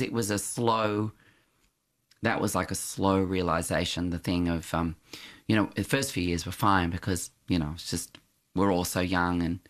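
A middle-aged man recounts memories of school during an interview, reflective and narrative, frequently starting over and chuckling softly. His pitch is low.

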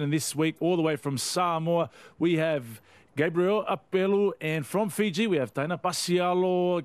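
A man's voice: a little high, no echo. A man hosting a sports show in an upbeat, casual radio chat style.

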